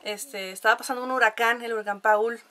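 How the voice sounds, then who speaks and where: A woman's voice: a little high, fairly even intonation, fairly quick, bright, forceful tone. A young Mexican woman with a nasal voice, chatting casually to camera at home, laughing often and using lots of fillers. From La Paz, Mexico. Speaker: vlogger.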